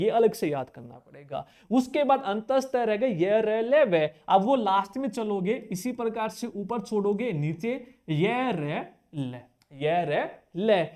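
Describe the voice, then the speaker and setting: A high, expressive and slightly mellow male voice takes its time. He's a teacher leading an exam-prep grammar lesson, quizzing viewers and supplying the answers, repeating key terms to hammer them in and addressing them offhandedly as brother.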